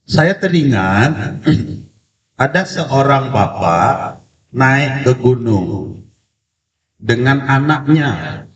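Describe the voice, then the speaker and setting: A male preacher with a cold giving a religious lecture with a story, speaking slowly and deliberately, heard through a distant, echoey, dull PA sound. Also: mid-range voice, animated. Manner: slow, deliberate delivery. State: has a cold. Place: community religious event.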